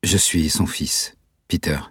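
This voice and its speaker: Un jeune homme inquiet et sincère, qui hésite et plaide, porté par un lecteur à la voix très grave et voilée. Le son est sec et tout proche, comme dans un livre audio de studio. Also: male voice, extremely low pitch, steady tone, takes it slowly, breathy edge, no echo, exaggerated voice. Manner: hesitant, pleading. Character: young Dutch man, anxious and earnest. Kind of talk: audiobook reading.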